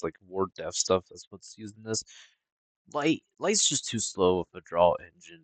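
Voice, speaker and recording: Low gravelly man reviewing cards. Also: no echo. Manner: rambling, heavy on fillers and hedges; laid-back, sometimes yawning. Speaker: card game reviewer. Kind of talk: casual game review commentary.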